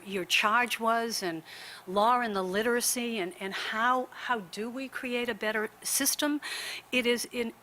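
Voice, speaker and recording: A woman's voice: medium pitch, sharp tone, slight background noise. A woman giving an earnest prepared talk on a conference panel, hurrying and often restarting her words. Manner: earnest, rushed, with frequent restarts. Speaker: panel speaker. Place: conference room.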